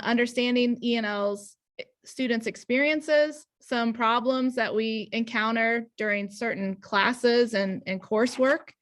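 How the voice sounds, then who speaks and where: In a conference talk delivered over a video call, an ENL teacher in her thirties from Indiana, USA speaks into her webcam. Her voice is a little high and fairly bright in tone. Earnest throughout, she keeps saying "um" and restarting her sentences.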